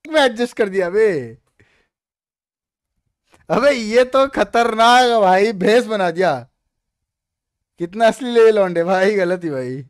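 A man's voice: high voice, expressive, slow pace, pauses often, no room sound. A young man from India reacting to memes, swearing and laughing in casual slang. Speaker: meme reviewer. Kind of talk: casual meme reaction commentary.

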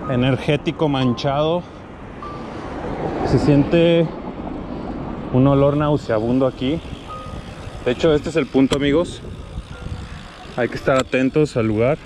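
A man with a Mexican accent narrating a casual night exploration vlog to his viewers, recorded outdoors on a body-worn action camera. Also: mid-range voice. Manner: addresses viewers as friends, sprinkles in English swearing. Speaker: vlogger. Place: outdoors on city streets at night, riding a bike. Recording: noisy outdoor street and traffic ambience.

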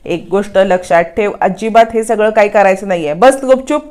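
A woman's voice: mid-range voice, brisk, clean tone, natural voice. A woman voicing a scolding young wife. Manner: scolding, sharp-tongued. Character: young woman artist, angry and thrifty wife.

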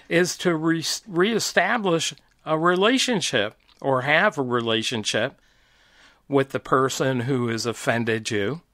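A middle-aged man giving an informal, deliberate Bible teaching talk, explaining passages step by step. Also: on the high side, bright, forceful tone, dry recording, clean studio sound.

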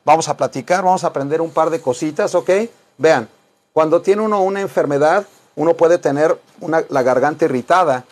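Speaking fairly quickly in a higher-than-usual voice, a middle-aged man teaches English informally through Spanish and English. He is an English teacher and self-styled chaplain who repeats phrases and dictates them word by word indoors, in a small wood-paneled room.

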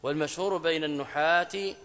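A man teaching an Arabic grammar lesson in a mosque. He explains step by step, repeats key phrases, asks students checking questions, and reads quoted examples slowly and louder. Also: a little high. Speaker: Islamic scholar teaching grammar. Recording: long mosque reverb.

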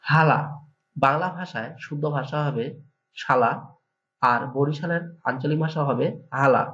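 A man giving a dialect tutorial as a language tutor, saying each phrase twice, slowly and clearly. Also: medium pitch, a bit bright. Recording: dull lo-fi recording.

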